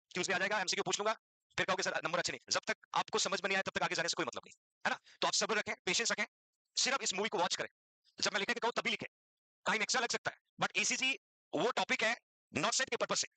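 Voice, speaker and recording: Quick, bright-voiced male exam teacher. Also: high voice, no room sound, rough recording. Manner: mixes English terms into Hindi, repeats points and quizzes students. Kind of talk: classroom lecture.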